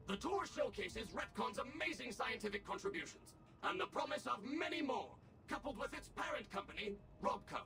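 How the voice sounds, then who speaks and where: An actor voicing an overly smooth, cheerful male robot tour guide in a video game, with a polished, sales-pitch delivery. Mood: polite welcoming. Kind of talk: video game character dialogue.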